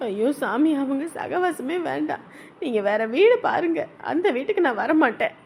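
A woman's voice: high voice, expressive, normal speed, darkish tone. A woman playing a wronged young wife, complaining in a tearful, accusing voice in a family drama. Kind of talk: melodramatic web-series acting.

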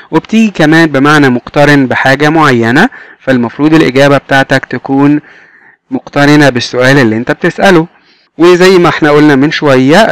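A man with an Egyptian Arabic accent teaching an English lesson to young children, drawing out each English word slowly and clearly. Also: on the high side, a bit bright, dry recording. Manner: slow, drawn-out English words.

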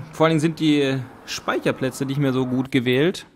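A man's voice: fairly even intonation, moderate pace. A man giving casual, jumpy gameplay commentary as a streamer, with startled exclamations and muttered asides. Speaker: let's play streamer. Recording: noisy, game rumble behind the voice. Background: game sound effects.

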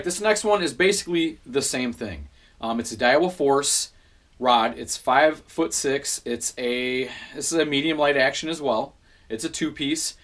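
In a small room at home, a man in his thirties who hosts a fishing channel talks to the camera at an ordinary middle pitch. He goes over his gear in a relaxed way, peppering his talk with ums and correcting himself quickly. A camera mic a few feet away picks him up.

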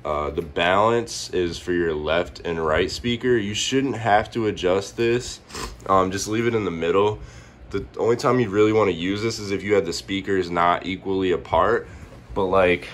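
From behind a handheld camera indoors, a deep-voiced man with a slightly bright tone gives a casual home stereo tutorial. He's hungover, so the explanation comes out rambling, relaxed and full of slang, while noticeable background noise runs underneath.

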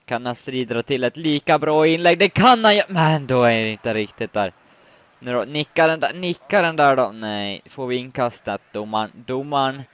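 Excitable man commentating his own game. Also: mid-range voice. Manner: swings from muttering to shouting at goals. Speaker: gaming commentator. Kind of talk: live gameplay commentary.

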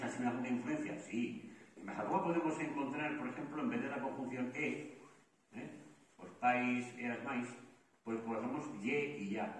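A man's voice: medium pitch, recorded from a distance. A man from giving a lecture at a book presentation, explaining points and answering his own rhetorical questions. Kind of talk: lecture-style public talk. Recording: very echoey hall recorded from afar.

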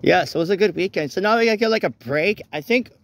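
A man's voice: high voice, expressive, quick pace. A young man talking into his phone while walking outdoors on a rainy night, rambling with many restarts and self-corrections. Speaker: vlogger. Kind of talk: casual walk-and-talk vlog. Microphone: phone camera held while walking.

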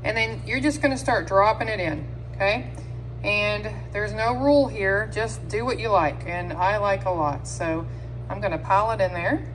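A woman hosting a home cooking channel talks straight to her viewers from her kitchen, chatting through a casual step-by-step demonstration. Her voice is medium-pitched and fairly bright at a normal pace, and the low-quality recording carries a little hiss or hum.

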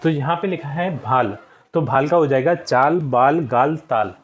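A man's voice: a little high, animated, moderate pace. A man teaching young pupils, patiently going through textbook answers and often repeating words. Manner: patient, repeats answers, frequent "theek hai". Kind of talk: explaining a textbook lesson.

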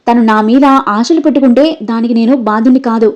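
A woman reading the part of a stern, brooding young man who speaks gravely and curtly, on a dull, lo-fi recording. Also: a little high, steady tone, fairly quick, darkish tone, close to an everyday voice. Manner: grave, curt.

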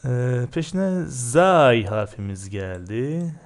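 Slow, patient male reading teacher. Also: medium pitch, animated. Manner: slow, patient syllable drilling, asking and answering his own questions. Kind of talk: recorded lesson.

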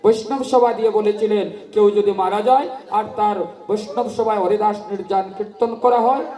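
A man with a high, mellow voice tells a devotional story as a sermon, slow and sing-song, swelling with fervor. He is picked up from a distance in an echoey hall. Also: fairly even intonation. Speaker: kirtan preacher. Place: gathering at a memorial kirtan.

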